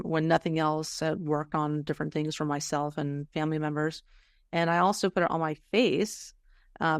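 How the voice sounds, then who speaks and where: Smooth-voiced woman hosting a podcast. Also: deep voice, dry recording, clean studio sound. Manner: relaxed, many fillers. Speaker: podcast host. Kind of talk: casual interview chat.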